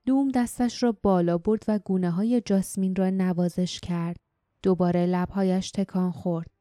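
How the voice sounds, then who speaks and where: A woman reading a fantasy audiobook in steady, measured narration. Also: fairly low pitch, no echo, clean studio sound, faint music behind.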